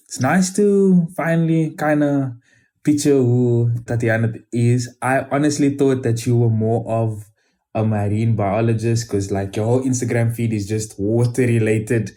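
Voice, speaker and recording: A man's voice: mid-range voice, measured pace, warm tone. A man hosting an interview podcast, speaking politely and a little formally as he welcomes his guest. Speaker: podcast host.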